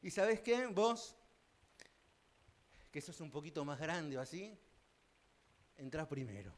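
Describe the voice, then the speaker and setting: A man with an Argentine accent preaches from the pulpit of a church. His voice sits a little high and he talks folksy and joking. It rises in loud bursts and drops to hushed asides. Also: lively intonation, a little slow. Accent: Argentine Spanish. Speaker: pastor. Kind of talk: sermon. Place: church sanctuary.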